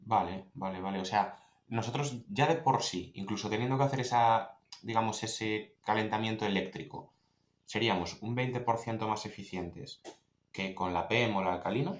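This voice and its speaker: A man's voice: on the low side, normal speed, echoey room. A man with an accent from Spain, hosting a podcast and asking long, winding questions with frequent restarts. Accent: Spain Spanish. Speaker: podcast host. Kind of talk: interview questions.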